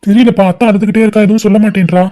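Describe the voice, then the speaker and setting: A woman voicing a worried middle-aged father in a cartoon, gentle and reassuring. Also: medium pitch, steady tone, rapid-fire, close to an everyday voice. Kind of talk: cartoon voice acting.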